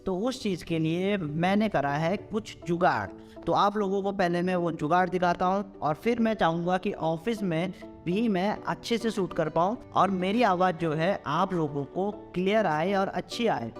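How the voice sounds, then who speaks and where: Chatty male vlogger, slightly high voice, strong echo from a bare office room, faint music underneath. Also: normal speed. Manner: chatty, explains step by step with many fillers. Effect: heavy echo from a big, nearly empty room. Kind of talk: casual vlog talk to camera. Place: large sparsely furnished office room.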